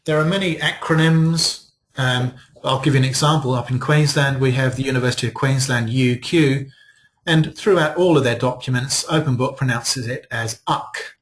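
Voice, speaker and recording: Relaxed man leading a software workshop. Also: medium pitch, moderate pace. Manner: relaxed, conversational explaining. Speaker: workshop presenter. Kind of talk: software training demonstration. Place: training room.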